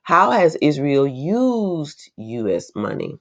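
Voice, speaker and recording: Reading an article slowly in a low, sing-song voice, this woman keeps stopping to add indignant and emphatic commentary. The lo-fi recording sounds slightly dull.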